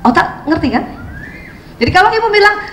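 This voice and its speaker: A woman in her fifties giving a lively religious parenting talk to mothers, acting out quoted speech and laughing often. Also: very high-pitched, fairly quick, roomy sound, a little hiss or hum, low-quality recording. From Indonesia.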